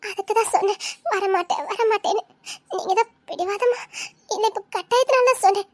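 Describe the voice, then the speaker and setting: A woman's voice: very high voice, brisk. A woman playing a tearful, ashamed young wife. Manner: tearful, broken, half-laughing through sobs. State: crying. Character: young wife, ashamed and self-denying, leaving.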